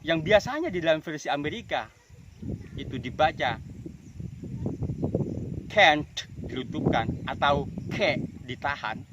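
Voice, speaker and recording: A man teaching English pronunciation, slowly repeating example sentences in drills. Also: a little high, animated, highs cut off, noisy background. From Indonesia. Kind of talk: pronunciation lesson.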